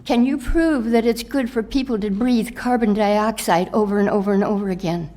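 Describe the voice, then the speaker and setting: A woman giving an impassioned protest speech in a shrill, angry, accusing manner. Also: steady tone, moderate pace, warm tone. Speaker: public speaker protesting mask rules.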